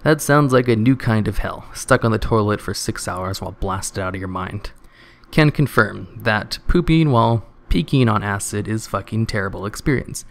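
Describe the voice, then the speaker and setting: A man with a fairly low voice reads online comments aloud in a casual, dry way. He often sounds close to laughing. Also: normal speed, vocal fry. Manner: dry reading, half-stifled laughs. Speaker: channel host reading online comments.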